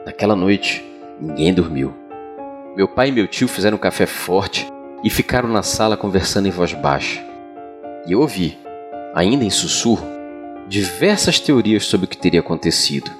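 Deep, sultry Brazilian male storyteller over music. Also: lively intonation. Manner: sultry, deliberate storytelling delivery. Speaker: podcast storyteller and host. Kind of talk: dramatic scripted horror narration. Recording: music bed behind voice. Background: background music.

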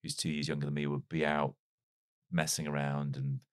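A very deep male voice with a mild British lilt, not strongly Welsh, belongs to a podcast guest who grew up in North Wales and shares stories in a casual interview. He's reflective and self-deprecating, rather monotone and a little fast. The sound is clean, dry and close, as if on a studio mic.

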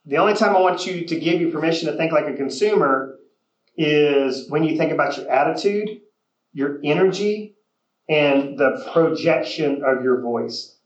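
A man's voice: fairly high pitch, dull audio. A man with a slightly raised voice runs a training session for real estate agents. He talks straight to the group and keeps asking them to agree with him. The room around him echoes. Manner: coaching, direct, asks the room for agreement.

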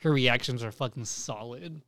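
A man's voice: medium pitch, moderate pace, pushed and bright, no room sound. A man co-hosting a podcast in casual chat, laid-back and swearing freely as he reads names off a list. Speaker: podcast co-host.

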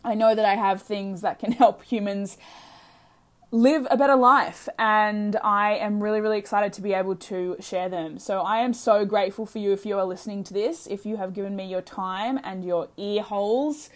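A woman with an Australian accent hosting a casual solo podcast, speaking in an excitable, emphatic, sweary way straight to her listeners. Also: medium pitch, normal speed. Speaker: podcast host, health coach.

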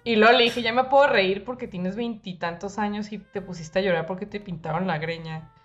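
A young woman with a Mexican Spanish accent, telling an animated story in casual chat with slang and bits of English. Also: mid-range voice, a little fast, highs cut off, faint music behind.

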